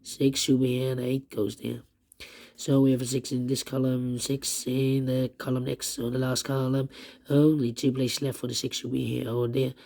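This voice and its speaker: A man who has partly lost his voice, walking through a puzzle step by step in halting, repetitive short phrases. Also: medium pitch, flat delivery, gravelly, mellow. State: lost voice, strained and troubled. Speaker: puzzle tutorial host. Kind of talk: step-by-step puzzle walkthrough, thinking aloud.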